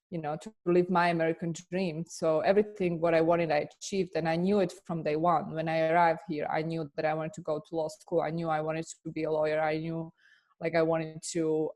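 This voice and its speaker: A woman with a Slovak accent and a fairly low voice answers interview questions. She speaks earnestly, with plenty of fillers and restarts. Her answers sound like those of an attorney and coach recounting her own path. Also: darkish tone. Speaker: immigration attorney and business coach.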